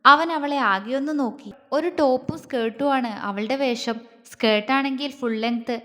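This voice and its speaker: A woman narrating a romance audio series with a steady, expressive reading. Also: sits high, normal speed. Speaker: storyteller. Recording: long hall reverb.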